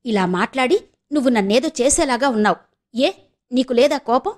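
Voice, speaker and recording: A woman voicing a defensive, sharp-tongued grown daughter who snaps back in a raised voice in an audio novel. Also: on the high side, expressive, moderate pace.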